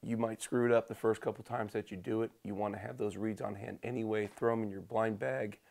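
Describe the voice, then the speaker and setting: A man talks through practical how-to advice in a casual, conversational manner. His voice sits on the low side with a gravelly creak, and the tone is soft-edged and mellow. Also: fairly even intonation, a little fast. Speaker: hunting pro staff instructor. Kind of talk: casual instructional talk.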